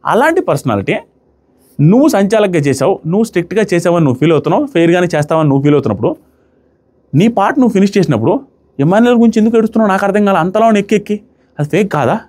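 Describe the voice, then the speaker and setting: This man's high, darkish voice races along with animation as he reviews an episode of a reality show. The commentary is lively, scornful, and outraged, and he performs the sobbing he's talking about.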